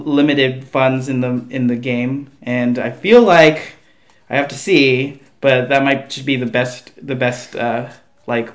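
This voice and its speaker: A man chatting casually as a podcast guest in a hesitant, rambling way. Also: medium pitch. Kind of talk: casual chat about board games.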